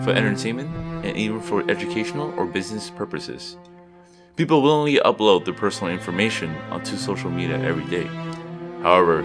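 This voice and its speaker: A young man from Seattle whose first language is Chinese, reading a scripted video essay in a steady, explanatory way. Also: sits low. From Seattle, USA. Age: young adult. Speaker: student narrator. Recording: music behind voice.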